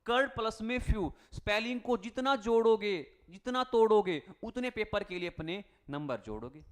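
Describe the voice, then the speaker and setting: A man's voice: high-pitched, lively intonation, normal speed. A male teacher coaching exam students in a spelling lesson, speaking Hindi. He spells words out letter by letter and asks the class questions, then answers them himself. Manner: calls students "beta" and "bhai" in a friendly coaching tone. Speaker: English teacher.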